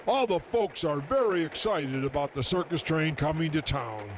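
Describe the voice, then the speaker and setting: A man's voice: a little high, animated, moderate pace, background noise, lightly acted. A man voicing a railroad dispatcher who gives orders over the radio. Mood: friendly. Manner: insistent, calling out orders. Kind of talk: radio chatter.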